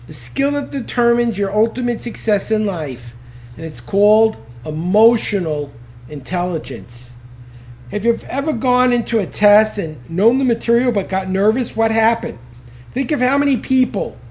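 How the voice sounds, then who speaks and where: A man teaching a self-improvement lesson, leading viewers through a physical exercise and counting aloud with enthusiasm. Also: sits high. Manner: enthusiastic, counts out loud, calls for passion. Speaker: speed reading instructor. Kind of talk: energetic instructional talk leading an exercise.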